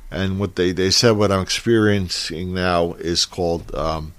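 A middle-aged man talking candidly and haltingly about his own life, his words slightly numb-mouthed, as if he had marbles in his mouth. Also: low voice, steady tone, smooth, no room sound. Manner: halting, hesitant. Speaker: podcast host. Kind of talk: candid personal monologue.

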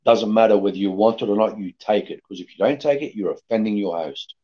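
A middle-aged man raised in Australia, talking casually as a podcast guest in a rambling, lively way with many restarts. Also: fairly low pitch, fast. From born in Greece, raised in Australia. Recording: dull lo-fi podcast audio.

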